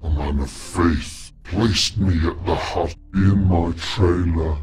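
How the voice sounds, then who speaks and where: A man voicing a sinister undead necromancer in a game, gravelly and husky, slow and drawn-out, through a reversed, slowed-down effect. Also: low-pitched, a little mellow. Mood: ominous, chanting. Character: sinister undead necromancer monster chanting incantations.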